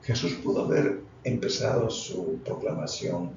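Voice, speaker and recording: A male pastor giving a slow, unscripted Bible lesson, deliberate and often correcting himself mid-phrase. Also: on the low side, lively intonation, creaky. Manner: deliberate, with frequent restarts and self-corrections. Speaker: pastor teaching Bible study. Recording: distant, roomy, dull lo-fi sound with faint noise.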